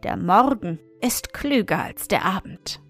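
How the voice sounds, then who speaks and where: A gentle frog bride from a storybook croaks deep and low, then settles into soft, unhurried comfort, as a woman puts her on. Her words come slowly and soothingly over faint music. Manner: croaks low before calm reassurance.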